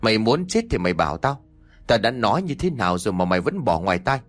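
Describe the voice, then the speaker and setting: A man's voice: fairly low pitch, big pitch swings, quick pace, soft background music. A man voicing a stern old village father who barks threats and orders at his son. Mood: threatening. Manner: barking, hissing threats.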